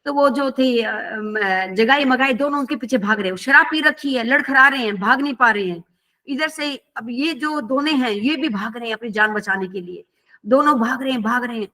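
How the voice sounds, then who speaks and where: A woman's voice: on the high side, moderate pace, bright, forceful tone. A woman teaching a scripture class, telling a story conversationally and asking her listeners questions.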